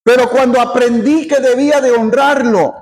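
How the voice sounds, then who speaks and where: Middle-aged pastor, male, very high voice, earnest sermon delivery with repeated words. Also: fairly even intonation, moderate pace. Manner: earnest preaching with repeated words and an occasional amen.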